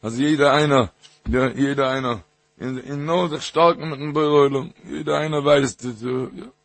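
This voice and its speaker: Man, husky voice; halting, repetitive Torah talk that swings into sing-song emphasis. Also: mid-range voice, fairly even intonation, dry recording. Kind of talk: Yiddish-flavored Torah talk with stories.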